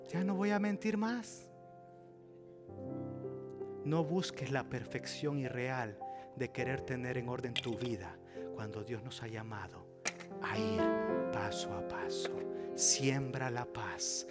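A man preaching a sermon as pastor, acting out little dialogues, swinging from loud to a whisper. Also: medium pitch. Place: church with a live audience. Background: soft piano.

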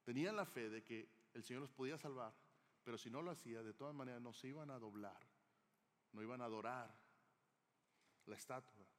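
A male preacher delivering a sermon in a church hall, telling stories dramatically and swinging from loud to hushed. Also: medium pitch, brisk, pauses often. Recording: long hall reverb.

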